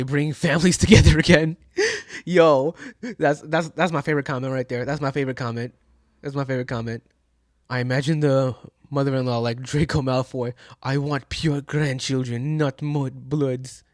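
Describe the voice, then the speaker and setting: A man's voice: medium pitch, a little mellow, no room sound, clean studio sound. A man in his twenties giving casual, profane reaction commentary at home, chatty and full of slang. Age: 20s. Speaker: reaction streamer.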